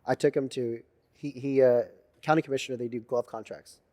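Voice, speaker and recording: A man telling animated stories as a guest in a casual interview, swearing freely and acting out what others said. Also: medium pitch, brisk. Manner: animated storyteller, swears freely, acts out quotes. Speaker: podcast guest.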